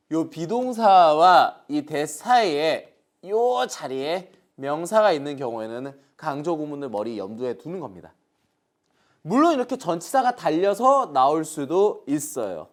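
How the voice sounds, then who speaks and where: A Korean man teaching an English grammar lesson online, asking questions and answering them himself while pointing things out on the board. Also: on the high side. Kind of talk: online lecture.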